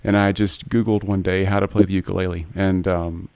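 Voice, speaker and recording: Male podcast host, 40s, low voice, smooth and clear, dry close sound, earnest. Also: little pitch movement, brisk, a little mellow, no echo. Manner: earnest, personal and eager. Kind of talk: podcast interview.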